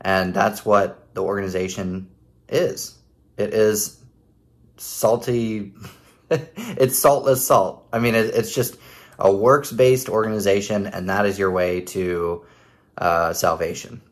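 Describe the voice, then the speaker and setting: A man's voice: fairly low pitch, steady tone, takes it slowly. A man in his thirties hosting a casual, critical commentary video from home, with a sarcastic edge. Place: living room at home.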